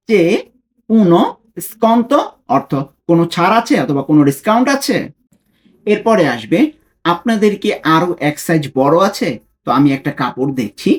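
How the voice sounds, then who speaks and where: A tutor from Bangladesh giving a language lesson, saying each foreign phrase slowly word by word and then explaining what each word means. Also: mid-range voice.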